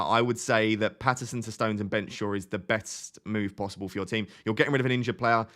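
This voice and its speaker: Answering viewers' questions on a live stream, a man in his twenties chats casually and thinks out loud. His voice is on the low side and a bit bright. He frequently restarts his phrases.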